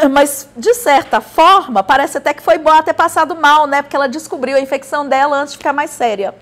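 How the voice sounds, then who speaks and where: A woman's voice: high voice, a little fast, a bit bright. A woman with a Brazilian Portuguese accent explaining probiotics in a casual vlog, chatty and full of little fillers and anecdotes. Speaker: probiotics educator.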